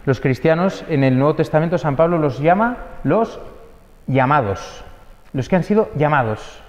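Priest, lively homily, higher-pitched voice, long church reverb. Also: male voice, normal speed. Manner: lively storytelling, acting out quoted voices. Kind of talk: sermon. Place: church during mass.

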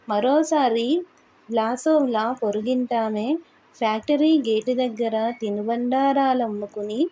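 A woman narrating a translated novel as an audiobook, in even, steady storytelling. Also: fairly high pitch.

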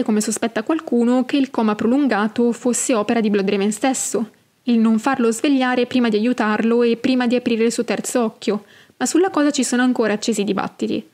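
A woman hosting a podcast, narrating and explaining fantasy lore in a measured, explanatory way. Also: fairly high pitch, a little mellow. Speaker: podcast host.

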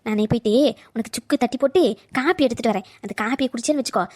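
A woman's voice: a little high, racing, a little mellow, close to an everyday voice. A woman voicing a talkative elderly grandmother in a cartoon who gossips and scolds, then coaxes and pleads with her granddaughter. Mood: coaxing. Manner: scolding gossip turning to coaxing pleas. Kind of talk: cartoon voice acting.

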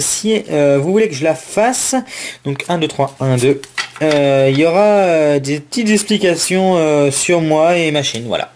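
A man hosting a casual card-opening vlog, listing card names in a running commentary and talking excitedly to his viewers. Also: on the high side, a little hiss or hum. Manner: excitable, exclamatory, addresses viewers as friends.

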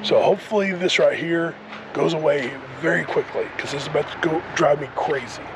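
A farm vlogger in his thirties, voice lost to a cold, talks hoarsely and haltingly to a camera held at arm's length on a rainy farm. His strained, rather high voice is plain and full of fillers, and the outdoor recording is noisy.

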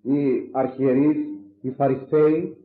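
In an echoey, phone-quality recording, a preacher from Greece gives a lively, rhetorical sermon. His delivery lurches from booming exclamations down to hushed asides.

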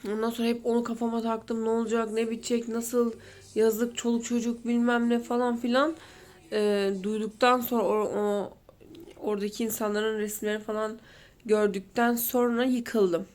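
A woman's voice: a little high, level tone, moderate pace, darkish tone. A woman in her thirties talking to camera in an emotional, rambling vlog, close to tears at times. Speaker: vlogger. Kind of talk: confessional vlog chat.

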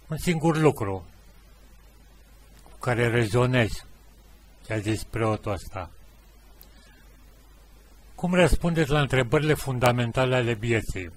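Husky-voiced man telling stories. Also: medium pitch, expressive, long pauses. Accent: Romanian. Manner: rambling anecdotal, acts out dialogue. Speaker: podcast host. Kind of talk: casual storytelling monologue.

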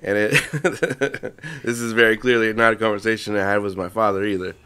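Congested young man with a low voice. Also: steady tone, moderate pace, bright, forceful tone, clear, resonant tone. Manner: casual, swears freely, rambling with restarts. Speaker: podcast co-host. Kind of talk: casual chat.

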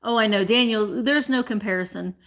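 A woman, chatting bubbly and fast to live viewers from a small room at home. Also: on the high side, a bit bright. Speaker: vintage reseller host. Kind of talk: casual live-stream chat.

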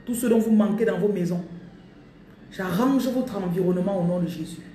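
At a moderate pace and with a mellow mid-range voice, a woman gives a live spiritual coaching talk, declaring affirmations over her audience with emphasis and repetition, sometimes in English. The mic is distant and the room echoes.

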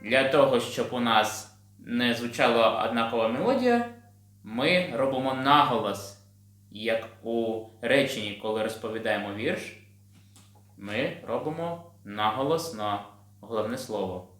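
A man from Ukraine teaching a children's singing lesson on video, patient and gentle. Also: medium pitch, expressive, measured pace. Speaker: choir teacher. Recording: roomy sound with piano.

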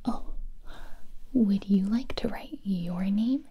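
Woman playing a sweet, very slow whispering girlish character. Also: mid-range voice, husky, muffled recording, full character voice. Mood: sweet, gushing. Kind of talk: whispered role-play.

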